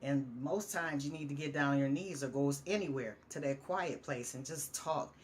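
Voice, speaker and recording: A woman's voice: low voice, normal speed, a little hiss or hum. A woman reads her own stories and uplifting writing aloud as a vlogger. She sounds heartfelt and encouraging, repeats phrases for emphasis, and now and then stumbles over a word. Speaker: storyteller and vlogger.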